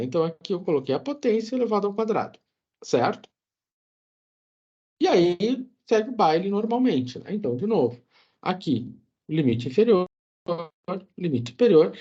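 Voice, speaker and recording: Walking students through code in a relaxed online lecture, this man speaks in a high-sitting voice that is husky with a darkish tone. His delivery is casual, full of little check-ins and self-corrections, captured on dull, lo-fi audio.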